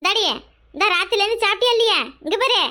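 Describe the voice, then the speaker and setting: A bossy village mother-in-law, voiced by a woman in a cartoon, nagging in a Kanyakumari Tamil accent. Her voice is very high and bright, and her scolding comes fast. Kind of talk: cartoon voice acting.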